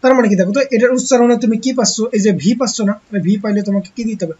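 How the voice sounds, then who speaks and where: A teacher, talking through an online textbook lesson in a husky, breathy voice at a middling pitch. The teacher keeps asking questions and then answering them, repeating key words slowly. The recording sounds dull and lo-fi. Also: darkish tone. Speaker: English teacher for young pupils.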